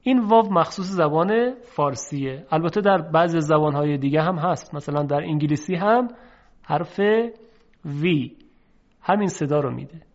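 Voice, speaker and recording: A man teaches how letters are pronounced in Quran recitation, in a somewhat high voice. He slows right down to stretch out each example sound so learners can copy it. The recording sounds muffled and lo-fi. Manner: slow, drawn-out demonstration of sounds. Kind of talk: lesson on letter pronunciation.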